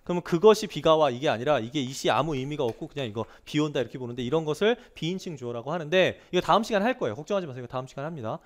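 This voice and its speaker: A man teaches grammar in a fast, lively lecture. His voice sits a little high and swings widely in pitch. He keeps asking his students rhetorical questions and repeats key words to drive them home. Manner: animated, asks students frequent rhetorical questions.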